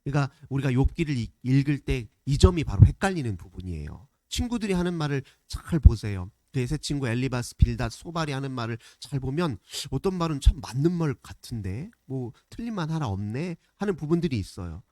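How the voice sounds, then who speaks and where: Lively-voiced male pastor preaching. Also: medium pitch, fairly quick, hardly any pauses, no echo. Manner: explanatory, conversational preaching, briefly acting out quoted speakers. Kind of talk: family worship sermon.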